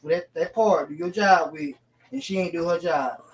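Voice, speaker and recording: Halting man, distant on the line. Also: a little high. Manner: halting, repeats words while searching. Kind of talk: casual chat.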